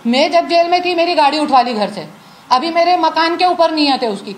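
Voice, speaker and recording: A woman's voice: high voice, lively intonation, fairly quick, poor audio. A woman, giving an impassioned, defiant statement to the press and challenging her accusers directly. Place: indoors at a media sitting.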